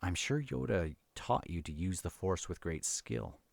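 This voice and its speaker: A man's voice: low voice, lively intonation, measured pace, creaky, no echo, full character voice. A man voicing a cunning old evil emperor from a novel, with archaic, taunting phrasing. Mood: gloating.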